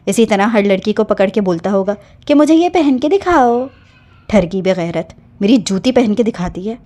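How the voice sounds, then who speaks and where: A woman's voice: medium pitch, expressive, warm tone, lightly acted. A woman voicing a sulky, easily teary young woman in a storybook reading. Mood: scornful. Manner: scornful, sniffling.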